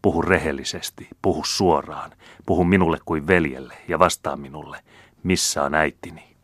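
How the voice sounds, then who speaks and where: Man doing a brooding angry young noble, very deep, insistent, dry close recording. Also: fairly even intonation, no room sound. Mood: grim pleading. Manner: grim, insistent, pleading.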